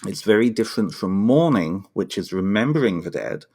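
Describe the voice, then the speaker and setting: A man with a very low voice, from North Wales, answering interview questions from his home. His delivery is thoughtful and unhurried, full of small restarts and fillers as he works toward each point. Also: animated, darkish tone, husky. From North Wales, United Kingdom. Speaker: podcast guest, therapist and author. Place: home, dog barking at times.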